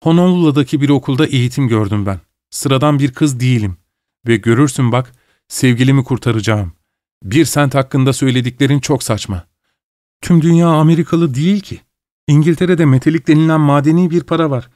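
A man's voice: medium pitch, fairly quick, darkish tone, no echo, studio quality, close to an everyday voice. A man reading a story aloud, voicing a resolute, loving young Hawaiian wife in a raised, earnest pleading tone. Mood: determined. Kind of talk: audiobook character voice.

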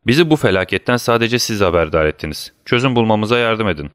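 A man's voice: lowish voice, animated, quick pace, a bit bright, clean tone, no echo, studio quality. A man voicing an aging French king who is imperious and alarmed, questioning his ministers sharply.

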